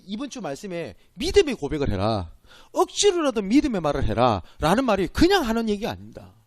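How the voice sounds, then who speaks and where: A pastor from Gyeongsang Province, Korea, with a Gyeongsang Korean accent, gives a church training lecture. His high-pitched voice is recorded dry, and he speaks emphatically, posing questions and answering them himself.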